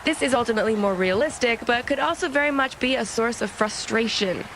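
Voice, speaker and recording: A woman's voice: a little high, a little fast, fairly bright tone. Wisecracking woman hosting a game show. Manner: dry, wisecracking delivery. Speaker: TV show co-host. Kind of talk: scripted review narration.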